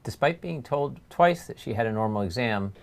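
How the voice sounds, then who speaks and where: A man giving scripted medical narration as a lecturing doctor, explanatory and measured, stressing key points. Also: mid-range voice, expressive, creaky. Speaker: laryngologist lecturer.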